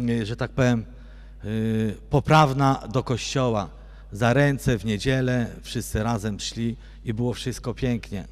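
A man sharing a religious testimony with a church audience, telling his story and turning to listeners with direct questions, going soft and low when he reflects. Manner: addresses listeners directly, often asking "wiecie co?". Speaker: guest giving a religious testimony. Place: large basilica church. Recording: long church hall reverb.

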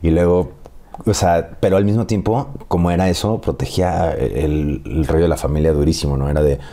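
A Mexican man in his thirties, an actor telling animated stories and laughing often in a casual interview. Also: very deep voice, a little fast. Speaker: actor guest.

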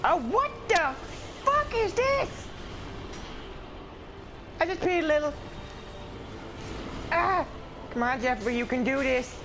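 A man's voice: very high voice, a little slow, pauses often, noisy background. A man voicing a skittish, whiny little male adventurer in let's play commentary, rambling and stammering, yelping whenever something attacks. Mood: panicked. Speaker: gameplay commentator.

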